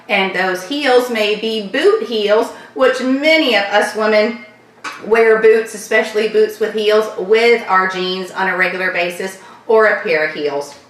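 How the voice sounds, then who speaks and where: A Florida woman with a light Southern accent hosts a casual Q&A vlog, warmly rambling through viewer questions in loose sentences and repeatedly saying thanks. Her mid-range voice sounds far from the mic, a bit off-mic in an echoey room.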